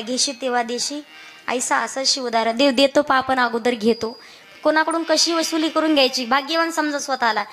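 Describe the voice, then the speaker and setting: Bright high-voiced woman kirtan preacher. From Maharashtra, India. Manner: questions the audience and sings verses slowly. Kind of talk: devotional kirtan sermon with sung verses.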